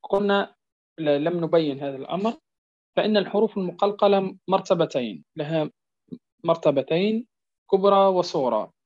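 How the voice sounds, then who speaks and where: A man teaching a Quran recitation lesson, repeating each point and often asking whether it is clear. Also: high voice, animated, darkish tone. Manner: drills words slowly, stretching them out. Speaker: tajweed teacher. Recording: dull lo-fi recording.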